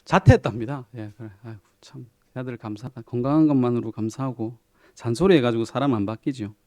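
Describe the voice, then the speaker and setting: A middle-aged man preaching a sermon in a chatty, self-deprecating storytelling way, with soft chuckles and quiet asides. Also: mid-range voice, fast talker. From Korea. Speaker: pastor.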